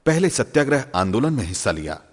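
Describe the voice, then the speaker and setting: A man's voice: medium pitch, big pitch swings, quick pace, husky. A man with an Indian accent delivering dramatic scripted biographical narration. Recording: reverberant hall sound, faint music.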